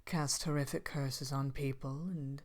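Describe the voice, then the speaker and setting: A woman playing a vain, haughty evil queen in an ASMR fairy-tale roleplay, speaking softly with languid, droll, hesitant pauses and some whispering. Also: a bass voice, steady tone.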